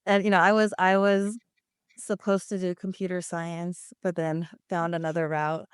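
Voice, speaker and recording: A woman journalist guest in a casual interview, with a low, smooth voice. She talks thoughtfully and pauses on "um"s as she works out her answers. The recording is dry and close. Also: level tone, no room sound. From California, United States. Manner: thoughtful, many fillers.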